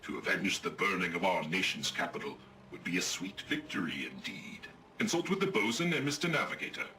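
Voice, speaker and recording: An actor playing a pompous, old-fashioned robot naval captain in a video game, with theatrical gentlemanly diction. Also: male voice, deep voice, fairly quick, slight background noise, full character voice. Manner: grandiose, lively commanding delivery. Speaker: ship's captain.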